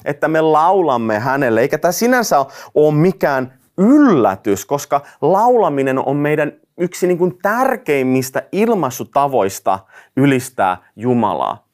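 A man's voice: on the high side, very animated, darkish tone. A man preaching a sermon, reading scripture aloud and dropping joking asides. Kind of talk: sermon teaching.

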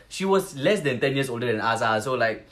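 A man's voice: mid-range voice, animated, a little fast, a bit bright. A man with a Singaporean accent co-hosting a podcast, chatting casually in colloquial Singlish with slang and swearing. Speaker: podcast co-host.

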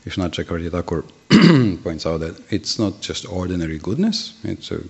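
A man giving a scripture class, chanting Sanskrit verses and explaining them word by word, often clearing his throat. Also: sits low, big pitch swings, fairly quick.

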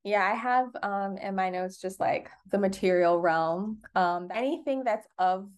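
A woman's voice: medium pitch, unhurried, clean tone. A young adult woman co-hosting a podcast, explaining things in a casual chat full of fillers and restarts. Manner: chatty, many fillers and restarts. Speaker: podcast co-host.

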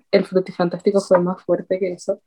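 A young woman with a Chilean accent telling a story in a slangy, animated casual chat. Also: fairly low pitch, moderate pace, husky.

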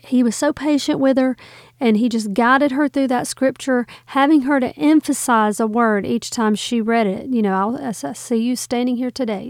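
A woman's voice: fairly high pitch, a little mellow, dry recording, clean studio sound. A woman hosting a podcast, explaining Bible words in an earnest, teacherly way. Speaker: podcast host.

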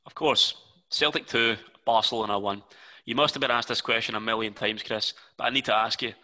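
Very bright-voiced male interviewer. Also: medium pitch, fairly even intonation, fairly quick, low-quality recording. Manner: lengthy, detailed setup questions. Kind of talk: interview questions.

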